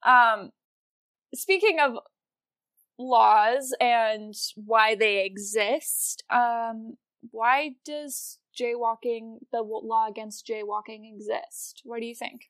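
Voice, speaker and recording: A woman with an American accent and a fairly high voice chats as a podcast host. She is casual, irreverent and happy to swear. The sound is very dry, with no room on it. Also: slow, fairly bright tone, no room sound. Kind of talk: casual comedic podcast chat about history.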